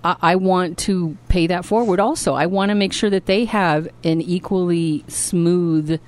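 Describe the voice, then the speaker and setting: A woman hosts a casual podcast in a voice a little lower than average. She moves between relaxed discussion and reading posts aloud. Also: unhurried. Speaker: podcast host.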